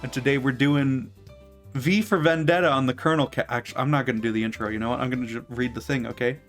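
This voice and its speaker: A man's voice: mid-range voice, steady tone, fast talker, soft background music. A man hosting a casual podcast chat, joking and sarcastic, swearing freely. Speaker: podcast host.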